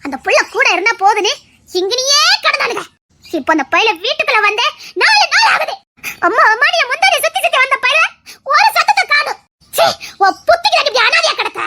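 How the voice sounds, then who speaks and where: In a Tamil audio drama, a woman voices a fierce, protective, middle-aged village mother, using an exaggerated, extremely high voice with big pitch swings at a fairly quick pace. Furious, she scolds, shouts, curses and sobs.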